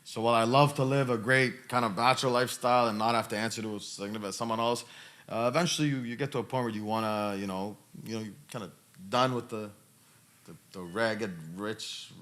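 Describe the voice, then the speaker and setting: Quick-paced and a bit bright, this man's fairly low voice stays fairly even in intonation. In his thirties, he casually answers podcast questions, stressing and repeating phrases.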